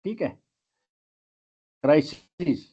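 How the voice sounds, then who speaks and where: A man's voice: on the high side, lively intonation, slow, slightly rough, lo-fi sound. A man teaching English grammar in a lesson, spelling words out letter by letter.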